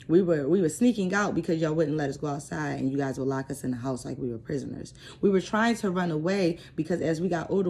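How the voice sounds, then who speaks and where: A woman's voice: low voice, dark tone, a little hiss or hum. A woman in her thirties hosting a personal vlog, talking bluntly and with frustration about her family. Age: 30s. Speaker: vlogger.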